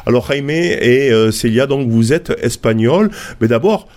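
A man's voice: medium pitch, lively intonation, unhurried, a little mellow. A man hosting a radio interview, talking with many hesitations and restarts from a studio. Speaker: radio show host.

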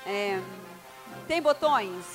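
A woman playing a demanding, dramatic wife in an amateur church skit, with a high, whiny, emotional way of talking. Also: animated, drawn-out words, a bit bright, soft background music. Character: demanding, dramatic young wife wanting roses.

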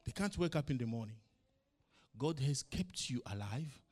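This middle-aged man, a non-native English-speaking pastor, delivers a sermon to his church, his volume rising and falling as he presses emphatic rhetorical questions. He talks at a normal speed in an expressive, medium-pitched voice with a slight roughness.

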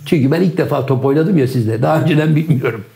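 An older man from Turkey chatting casually, telling animated, joking stories and acting out what people said. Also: medium pitch, racing, vocal fry, background noise. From Turkey, grew up in Bursa. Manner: animated joking storyteller, acts out quotes. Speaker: co-host. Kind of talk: casual chat. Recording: roomy echo.

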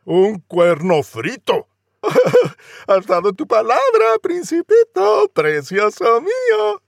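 A man voicing a wicked young stepsister who cackles and gloats in a shrill, piercing voice. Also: huge pitch swings, slow pace, creaky, no room sound, clean studio sound, exaggerated voice. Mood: gloating. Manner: gloating, screeching laughter.

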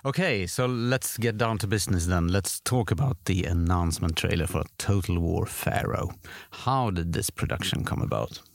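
A man hosts a conversational interview in a low, gravelly voice. He speaks as the questioner, and the recording is very dry. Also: normal speed, dry recording. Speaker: interview host. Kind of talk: conversational hosting.

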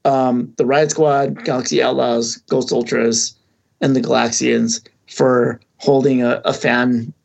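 A podcast co-host rambles through a casual chat, restarting sentences and using lots of fillers. His voice is mid-range, gravelly, and darkish, delivered flatly at an unhurried pace.

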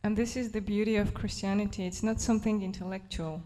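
A woman interpreting a sermon live, phrase by phrase, in a measured way with brief hesitations. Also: medium pitch, fairly even intonation, mellow.

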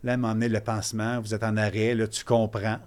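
A young man with a Quebec French accent, a podcast guest telling a story in an animated way and swearing casually. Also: fairly low pitch, quick pace, clear, resonant tone.

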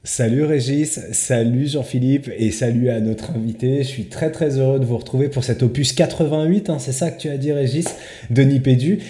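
Hesitant co-host in an echoey room. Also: male voice, medium pitch, steady tone, normal speed, mellow. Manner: hesitant, full of fillers. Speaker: podcast co-host. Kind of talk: casual podcast chat.

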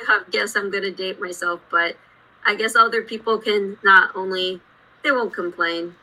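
A woman in her late twenties with a very bright, sharp voice, born in India and raised in Houston. She talks as a guest engineer on a podcast. Her delivery is measured and explanatory. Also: medium pitch, fairly even intonation, low-quality recording. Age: late 20s. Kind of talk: podcast interview.

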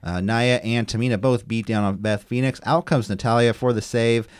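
Reading wrestling results from his notes, a man co-hosting a laid-back podcast gives a play-by-play recap filled with ums and uhs. His mid-range voice is smooth, fairly even in intonation, moderately paced, and free of echo.

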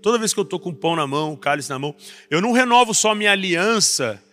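A young Brazilian man preaching a personal testimony as a pastor, rising to intense passages and dropping back soft. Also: high voice, animated, fast. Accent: Brazilian Portuguese. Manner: builds to intense raised passages, then drops soft. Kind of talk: sermon testimony. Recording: faint music underneath.

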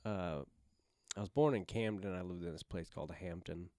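A man's voice: deep voice, moderate pace, warm tone, no room sound, studio quality. A man from Arkansas who grew up in Kansas City, talking in a laid-back, profane podcast chat.

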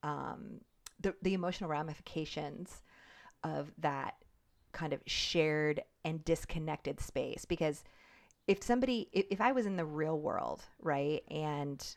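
Low-voiced reflective woman in her forties. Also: measured pace, creaky. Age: 40s. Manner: reflective, thinks aloud with frequent "like" and "right?". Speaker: podcast guest. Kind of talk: conversational interview.

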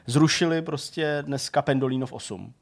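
A man's voice: mid-range voice, creaky. A man co-hosting a gaming podcast, telling a long, rambling story in casual chat, full of fillers. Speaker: podcast co-host.

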